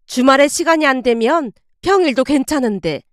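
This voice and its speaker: A woman voicing a kind older female former teacher who speaks in a gentle, inviting way on the phone. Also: high-pitched, expressive, moderate pace, no echo, clean studio sound.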